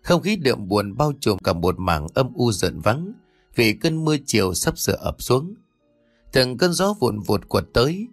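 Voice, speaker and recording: A man narrating a dramatic folk story in an expressive storytelling manner. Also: fairly low pitch, no echo. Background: faint background music.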